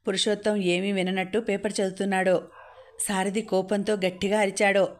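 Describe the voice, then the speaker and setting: A woman reading a scripted story aloud as narrator, steady and even. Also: medium pitch, a little fast.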